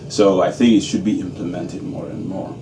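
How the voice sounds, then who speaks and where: Deep-voiced man, roomy and distant. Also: steady tone, noisy background. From Senegal. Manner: measured, checks in with "okay?". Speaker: dance graduate student. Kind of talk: interview answers.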